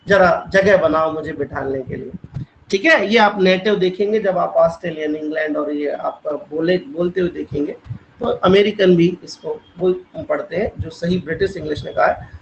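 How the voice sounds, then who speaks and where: A man's voice: sits high, gravelly, reverberant, slight background noise, poor audio. A man from India teaching an online English class. He spells words out letter by letter and checks in often with his students. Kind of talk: online English grammar lesson. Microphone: online class call.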